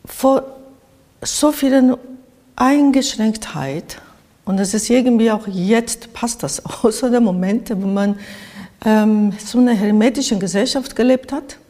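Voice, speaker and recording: Interviewed indoors at her art studio in Berlin, an older woman from Japan offers thoughtful answers with a Japanese accent, halting as she searches for the right phrasing. Her tone is slightly high and mellow, set against a reverberant room.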